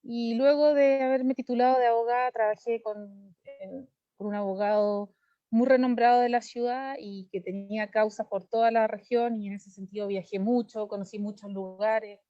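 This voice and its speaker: The speaker is a Chilean lawyer and candidate in her thirties whose answers in a video-call interview are long, detailed, fluent, and earnest. Her mid-range voice has a warm tone, with no echo and the high frequencies cut off.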